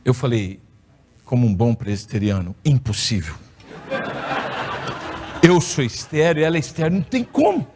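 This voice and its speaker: This middle-aged Brazilian pastor is very animated as he tells a playful, humorous personal story during a sermon testimony in a church hall. His medium-pitched voice has a darkish tone, moves at a moderate pace and pauses often, with a Brazilian Portuguese accent.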